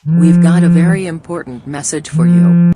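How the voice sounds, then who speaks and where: A woman's voice: lowish voice, level tone, moderate pace, heavy background noise, natural voice. A woman playing a caller delivering a hotel-style wake-up call, bossy and announcement-like, with music behind. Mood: brisk, commanding.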